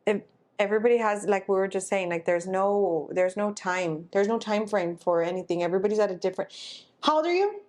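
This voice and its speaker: A young woman in her twenties co-hosting a relaxed podcast. She talks in a chatty, storytelling way and mixes in the odd Spanish phrase. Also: mid-range voice, a little fast. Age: 20s. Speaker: podcast co-host. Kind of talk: casual chat.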